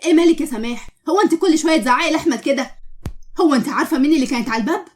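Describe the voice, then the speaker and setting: A woman with an Egyptian accent voicing a soft-hearted younger sister who pleads gently. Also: high voice, racing, lightly acted. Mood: pleading. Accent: Egyptian Arabic.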